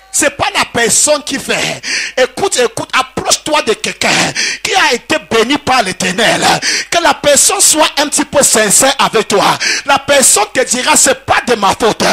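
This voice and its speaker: A man preaching a fiery sermon as pastor in a church hall, proclaiming with repetition and bursts of shouting. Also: very high voice, slightly rough.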